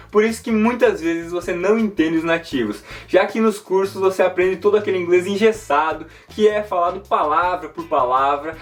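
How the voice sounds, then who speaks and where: A man with a Brazilian Portuguese accent teaching English in a video lesson, explaining clearly and slowing down to model each word. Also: high voice. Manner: clear, slows down to model words.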